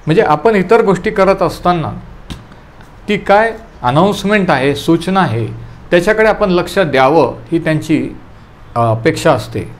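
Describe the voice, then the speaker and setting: A man leading a Bible study, teaching calmly and telling listeners to underline verses, with English terms mixed in. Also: on the high side, moderate pace. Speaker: preacher.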